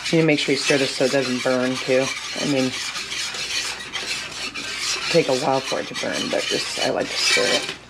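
Woman home cook, gravelly voice, casual recipe walkthrough, kitchen noise behind. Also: rumbling low, moderate pace, pauses often. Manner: relaxed, step-by-step instructions while cooking. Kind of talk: casual cooking demonstration. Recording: loud kitchen clatter and stirring.

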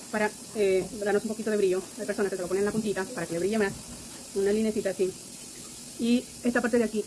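A woman's voice: medium pitch, a little mellow, a little hiss or hum, rough recording. A woman chatting through a casual makeup tutorial, talking to her viewers with lots of diminutives. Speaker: makeup vlogger.

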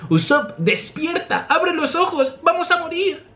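A man voicing a frightened young woman navigator in a high, alarmed falsetto. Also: very animated, normal speed, a bit bright, exaggerated voice. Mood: panicked.

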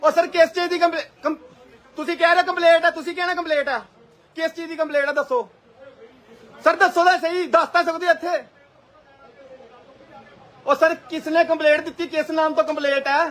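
Agitated high-pitched man on phone. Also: flat delivery, a little fast, long pauses, fairly bright tone, a faint crowd. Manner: agitated, pleading and protesting. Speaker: local party worker being detained. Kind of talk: live phone stream during police pickup. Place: outdoors by his house. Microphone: phone held in hand. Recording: live phone stream with background noise.

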